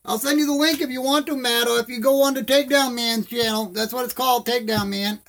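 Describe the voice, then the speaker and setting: A man with a strikingly high voice chats casually to his live stream. His words have the soft, slightly slurred shape of toothless speech, with lips closing over the gums. He rambles along in a friendly, buddy-to-buddy way. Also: steady tone, fast talker, gravelly.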